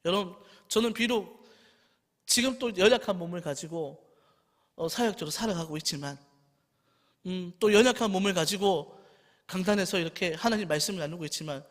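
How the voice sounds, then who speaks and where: A man's voice: high-pitched, fairly quick, pauses often. A man preaching a sermon as a junior pastor, talking in an earnest, personal, pleading way. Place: church sanctuary. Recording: long church hall reverb with faint music.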